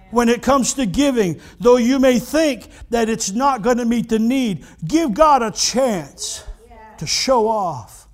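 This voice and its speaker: A pastor with a very high voice delivers an earnest sermon. He exhorts his congregation and voices their imagined doubts before answering them.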